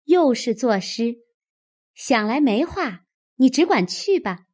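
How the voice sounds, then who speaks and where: Woman doing a chirpy high-voiced young maid. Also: very animated, slow pace, darkish tone, full character voice. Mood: cheerful. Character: young maid, chatty, cheerful and eager.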